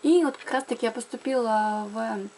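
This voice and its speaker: A young woman from Karelia, Russia, a language blogger, talks casually to the camera about learning languages, full of fillers and self-corrections. Her voice is slightly high and a bit mellow, at an ordinary pace, with faint background noise.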